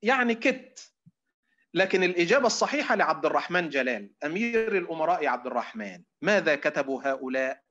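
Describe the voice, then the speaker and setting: A man's voice: on the high side, sing-song, quick pace, fairly bright tone, dull audio. A middle-aged man with an Egyptian Arabic accent giving an online lecture to students. He quizzes them, asking fill-in questions and then answering them himself.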